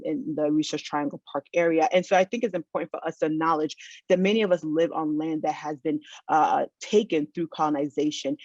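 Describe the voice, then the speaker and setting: The keynote speaker, a woman from the US, talks earnestly from home via video call, often restarting and using fillers. She has a low, darkish voice with no echo, heard through dull, dry, low-quality call audio.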